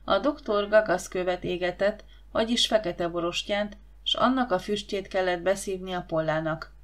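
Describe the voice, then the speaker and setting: A woman reading an audiobook in calm, even storytelling narration. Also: fairly low pitch. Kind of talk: scripted narration.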